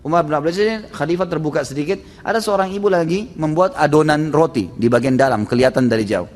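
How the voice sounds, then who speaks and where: Man, preacher, casual storytelling, fairly high voice, long hall reverb. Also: quick pace, a little mellow. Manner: casual storytelling with frequent tag fillers. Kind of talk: religious storytelling lecture.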